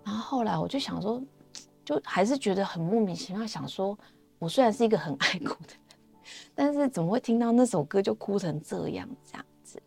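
A woman's voice: mid-range voice, animated, fairly quick, vocal fry, darkish tone, husky, faint music behind. A woman with a Taiwanese Mandarin accent sharing her personal faith testimony in a chatty, storytelling way, often trailing off with fillers.

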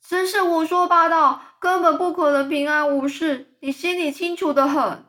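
Reading a storybook, a woman voices a gloomy blind earthworm in a high pitch above her natural voice, at a moderate pace. The worm whines and complains, sounds panicky and shouts in protest.

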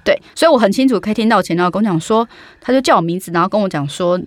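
A woman with a Taiwanese Mandarin accent, telling an animated, vivid story in a casual podcast chat. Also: medium pitch, rapid-fire, dry recording. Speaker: podcast co-host.

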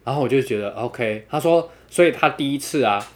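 Fast-talking man. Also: mid-range voice. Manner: animated storytelling, quotes others, laughs loudly. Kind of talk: casual chat.

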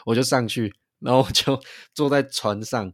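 A man, co-hosting a podcast and telling a story in an animated way, with frequent restarts. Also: mid-range voice, normal speed, no room sound, studio quality. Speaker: podcast co-host. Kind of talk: casual chat.

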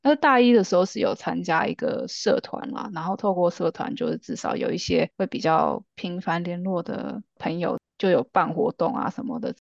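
A young woman with a low, gravelly voice co-hosting a casual podcast. Her talk is relaxed and thoughtful. The sound is dry and a little dull, like a lo-fi recording. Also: moderate pace, hardly any pauses, dry recording. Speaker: podcast co-host.

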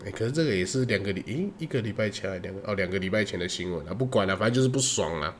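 A man's voice: on the low side, expressive, racing, slight background noise. Laid-back teasing man in casual chat. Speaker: podcast co-host.

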